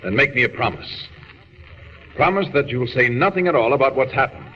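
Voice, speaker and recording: An actor playing a noble, earnest alien superhero in a solemn, formal 1940s radio style. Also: male voice, medium pitch, animated, brisk, close to an everyday voice. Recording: muffled, noisy, reverberant vintage radio recording.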